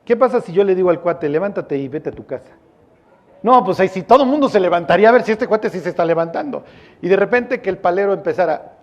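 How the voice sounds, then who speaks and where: Mexican man, pastor, casual joking sermon, fairly high voice, slangy storytelling. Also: quick pace, dull audio.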